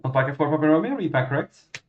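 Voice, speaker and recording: A man working as a ground controller, giving clearances and commentary in a halting, self-correcting way. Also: fairly high pitch, animated, a little hiss or hum. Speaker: virtual air traffic ground controller. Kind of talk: radio clearances and explanatory commentary. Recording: muffled, roomy microphone sound.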